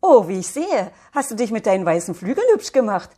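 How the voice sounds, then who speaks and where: A woman voicing a gentle, loving mother in a storybook reading, explaining things in a soothing tone. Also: medium pitch, very animated, a little fast, husky, voice pushed up. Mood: tender.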